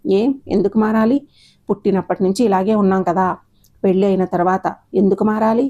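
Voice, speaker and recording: A hurt young wife lists her grievances with indignant defiance, as a woman reads her lines. The voice is mellow and fairly even, told in storybook fashion. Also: medium pitch, fairly quick, highs cut off, natural voice. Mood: defiant. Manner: complaining, indignant. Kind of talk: storybook narration, acted dialogue.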